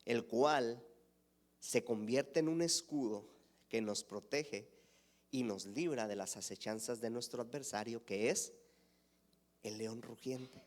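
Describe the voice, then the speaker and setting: A male pastor preaches slowly in a mid-range voice, leaving long pauses as he questions the congregation. He moves back and forth between raised, emphatic statements and near-whispers.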